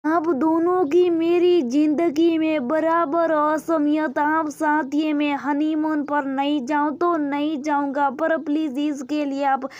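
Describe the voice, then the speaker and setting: A woman voicing a young married son who pleads earnestly and slowly with his mother, for a storybook. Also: high voice, little pitch movement, darkish tone, no echo, lo-fi sound. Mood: pleading.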